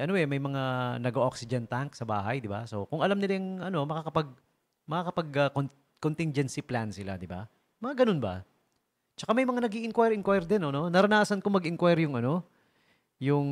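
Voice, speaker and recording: A man from the Philippines working as a radio DJ, telling jokes in a chatty way and laughing at his own punchlines. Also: medium pitch. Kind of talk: joking radio talk. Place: radio studio.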